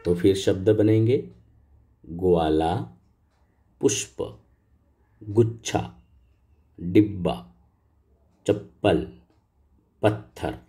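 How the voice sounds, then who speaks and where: Patient, slow-talking male teacher. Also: low-pitched, warm tone. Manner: patient, explains step by step with questions to pupils. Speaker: school Hindi teacher. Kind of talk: classroom grammar lesson.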